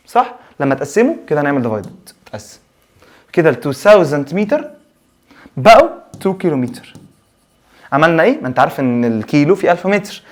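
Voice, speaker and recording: A young man with a slightly high voice gives a science revision lesson in Egyptian Arabic; he's lively and teasing and mixes in English terminology.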